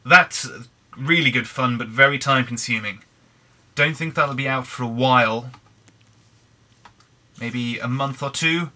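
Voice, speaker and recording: A young British man with a hoarse, croaky throat, chatting in a rambling way over a Minecraft let's play. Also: medium pitch, unhurried, long pauses, pushed and bright. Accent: British English. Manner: rambling, chatty, frequent restarts. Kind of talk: casual gameplay commentary.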